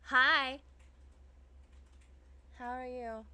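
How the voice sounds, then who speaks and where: A woman live streamer chats loosely with her audience in a bright, clear tone. She talks in a relaxed, joking way, pokes fun at herself and laughs often. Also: sits high, drawn-out words. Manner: chatty, self-deprecating, laughs often. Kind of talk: casual live-stream chat.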